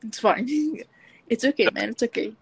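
A woman's voice: a little high, moderate pace, creaky, breathy edge, rough recording. A woman chatting on a casual group voice call, easily flustered. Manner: flustered, says bro a lot. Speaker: podcast co-host.

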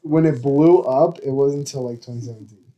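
A man's voice: mid-range voice, a little fast, dark tone, dull audio. A young man co-hosting a casual podcast chat, teasing the others and laughing often. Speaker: podcast co-host.

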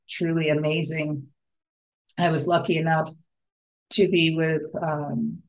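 A podcast host talks alone in an easy, unscripted way, full of eager feeling. The voice sits at an ordinary middle pitch. Thoughts run on, trail off, and restart mid-sentence. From United States. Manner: enthusiastic, rambling, self-correcting. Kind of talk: casual solo podcast monologue.

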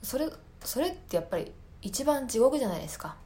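A woman podcast host talks casually on her own, making recommendations, explaining thoughtfully and searching for words as she goes. Her voice is on the high side with big pitch swings, a fast pace, and a dark tone.

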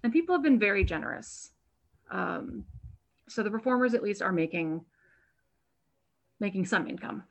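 A burlesque performer and show producer answers interview questions from home over a video call, speaking in an expressive, mid-range, creaky voice at a moderate pace. She is chatty and casual, pausing often, restarting sentences, repeating words while she thinks, and saying "um" a lot.

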